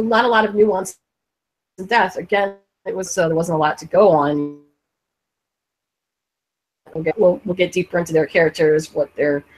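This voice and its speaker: A woman hosting a podcast who reviews a TV show in casual, halting chat full of restarts. She talks into a headset mic on an online call, and her audio is glitchy and keeps cutting out. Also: lowish voice, poor audio. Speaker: podcast host. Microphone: headphone mic over an online call.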